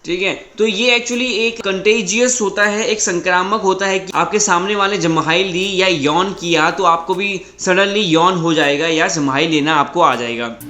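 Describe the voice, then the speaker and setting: Bright high-voiced male teacher. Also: steady tone, a little hiss or hum. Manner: methodical, repeats each word and says English examples slowly. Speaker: English teacher. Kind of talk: vocabulary lesson. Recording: roomy echo with faint background music.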